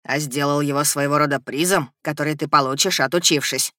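Man doing a gruff, irritable stepfather lord. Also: fairly high pitch, steady tone, brisk, pushed and bright, no echo, clean studio sound. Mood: scolding. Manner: scolding, gruff and blustering. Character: stern middle-aged stepfather lord, irritable. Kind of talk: audiobook character reading.

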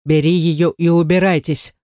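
A man's voice: a little high, little pitch movement, normal speed, a little mellow, no room sound, clean studio sound, close to an everyday voice. A woman voicing a tough, armed man who snarls and barks commands while protecting someone under fire, read as an audiobook character. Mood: angry barked orders.

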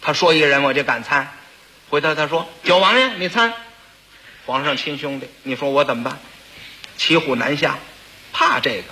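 A man's voice: medium pitch, steady tone, moderate pace, sharp tone, rough recording. A man telling a comic story, with chatty, stammering asides to the audience.

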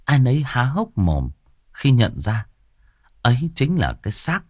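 A man narrating an audio story with a dramatic, expressive storytelling manner. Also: medium pitch, measured pace, slight background noise.

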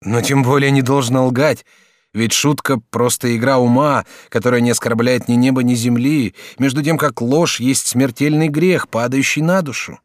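A male audiobook reader voicing a courteous, talkative young student in his early twenties who speaks with a raised, excitable voice. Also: mid-range voice, normal speed, dry recording, studio quality, lightly acted. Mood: eager. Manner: bright, animated, polite and excitable. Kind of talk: audiobook character reading.

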